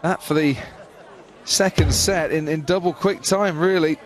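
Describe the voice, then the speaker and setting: A man's voice: a little high, fairly even intonation, measured pace. A man giving live darts commentary in a conversational, chatty way. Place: commentary position at darts event. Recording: loud crowd behind commentary.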